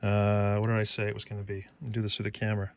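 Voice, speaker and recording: An electronics hobbyist demonstrates hands-on technical work, methodically thinking aloud through each step. His voice sits lowish and he talks at a quick pace. Steady background noise runs under the recording.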